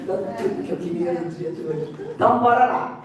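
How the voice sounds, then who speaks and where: A woman's voice: mid-range voice, lively intonation, moderate pace, a loud crowd. A woman with a Brazilian Portuguese accent gives a live seminar explanation as a speaker and sign language interpreter. She is instructive, keeps pointing the audience to the demonstration, and adds playful asides. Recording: very echoey hall, distant mic, faint room noise.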